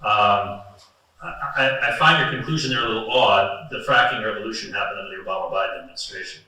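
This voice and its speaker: A man speaking as a panelist in a measured way, hedging and using frequent fillers. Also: lowish voice, pushed and bright. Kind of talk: panel discussion. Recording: echoey room, mic far off.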